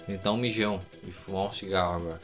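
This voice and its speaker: A man's voice: deep voice, fairly even intonation, fast talker, loud music behind the voice. A man co-hosting a podcast, cutting in with jokes and profane quips while discussing a film. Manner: joking, profane, interjecting. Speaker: podcast co-host. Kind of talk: casual film-review chat.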